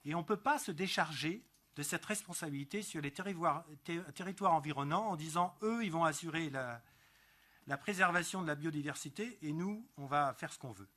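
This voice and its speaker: In a prepared political speech at a council meeting, an elected councillor lays out his case deliberately and didactically, leaning on emphatic repetition. His voice is sharp in tone and sits on the high side.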